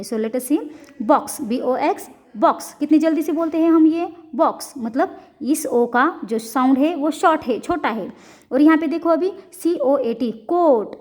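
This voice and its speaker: A woman teaching a lesson, reading slowly, spelling out words and explaining quickly in Hindi. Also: sits high, darkish tone. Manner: slow and careful in English, quick in Hindi, spells words letter by letter.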